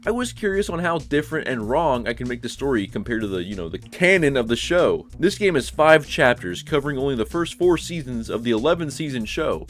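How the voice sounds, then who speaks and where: A young man giving a casual, sarcastic video game review, blunt and swearing freely. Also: on the high side.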